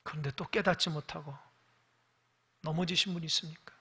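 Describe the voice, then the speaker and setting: High-pitched, bright-voiced male pastor preaching. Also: fairly even intonation, brisk, husky. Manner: preaching with sudden loud rises and hushed asides; addresses the congregation directly with questions. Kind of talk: sermon. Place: church sanctuary.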